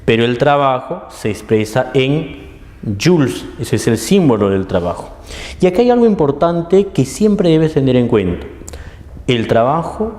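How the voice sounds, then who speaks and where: In a classroom with long, echoing reverb, a man with a mellow mid-range voice teaches a physics lesson. He works through it step by step and regularly checks in with his listeners.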